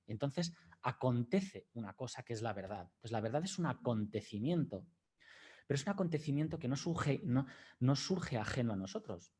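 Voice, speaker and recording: A man's voice: mid-range voice, a little mellow, breathy edge. A man giving a university lecture, reflective and acting out his talks with a student as he tells the story. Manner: reflective, acts out dialogue with a student.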